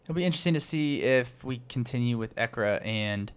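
A man's voice: medium pitch, a little fast, clean tone. A man co-hosting a casual sports podcast, easygoing and conversational, often correcting small details. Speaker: podcast co-host.

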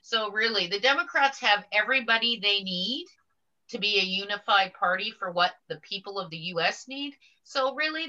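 A woman's voice: medium pitch, bright, forceful tone. Emphatic woman on dull lo-fi remote audio. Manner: emphatic, pointed rhetorical questions. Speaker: guest commentator. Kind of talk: casual political chat.

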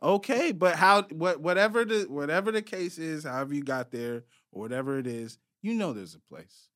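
Male podcast co-host, slightly high voice, dry close mic, excitable storyteller who repeats himself. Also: fairly quick, no echo. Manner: animated, laughing, repeats phrases for emphasis. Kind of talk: casual chat.

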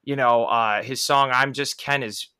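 A man's voice: mid-range voice, steady tone, a little slow, sharp tone, clear, resonant tone. A man hosting a podcast, talking casually and animatedly about films and quoting lines in little put-on voices. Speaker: podcast host. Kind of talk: casual film discussion.

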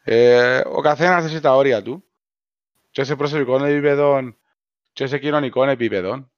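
A man with a Cypriot Greek accent, co-hosting a podcast in a measured, explanatory casual discussion. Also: mid-range voice, clean tone, no room sound, highs cut off. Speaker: podcast co-host.

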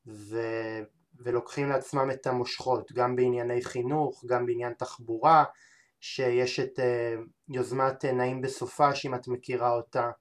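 Hesitant male interviewer with many fillers. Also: medium pitch. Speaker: podcast host. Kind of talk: interview conversation.

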